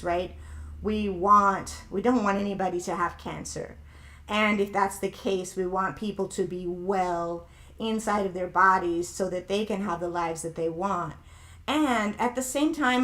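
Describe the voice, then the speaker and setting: A woman hosts a casual commentary podcast, reading viewer comments in a reflective, conversational way and hedging with phrases like "allegedly" and "if you will." Her youthful-sounding voice is medium-pitched with a fairly bright tone.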